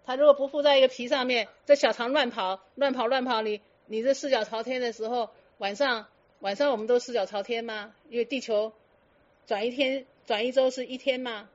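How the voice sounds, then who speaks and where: A woman's voice: fairly high pitch, fairly even intonation, a little fast. Teasing woman Buddhist teacher, lo-fi. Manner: teasing rhetorical questions, mixes English words. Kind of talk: dharma talk to students.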